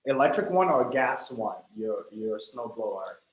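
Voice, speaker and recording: A man's voice: on the low side, big pitch swings, normal speed. A man coordinating an online class, chatting in an upbeat way and laughing easily on a video call. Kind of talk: casual chat. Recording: echoey room.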